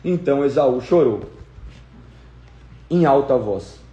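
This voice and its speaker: A man, a pastor, reading a Bible passage aloud in a measured, expressive way. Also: mid-range voice, dull audio. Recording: echoey room.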